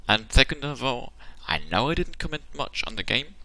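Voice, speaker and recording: A man's voice: mid-range voice, expressive, moderate pace, sharp tone. A man hosting his channel, giving casual tactical commentary on a game replay. He explains the options at length and thinks aloud, and his voice sounds tired and worn out.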